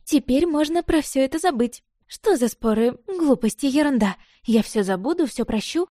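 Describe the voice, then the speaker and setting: Female reader doing a high, shrill jealous girl, desperate and spiteful, mellow dry voice, storybook. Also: lively intonation, normal speed, no room sound. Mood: heated, pleading. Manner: shrill, pleading then furious.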